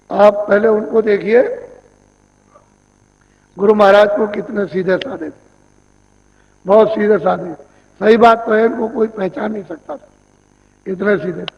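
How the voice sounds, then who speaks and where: A man's voice: sits high, darkish tone. A man giving a devotional sermon as a spiritual teacher, instructing in a plain, repetitive way. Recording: dull lo-fi 1990s tape recording.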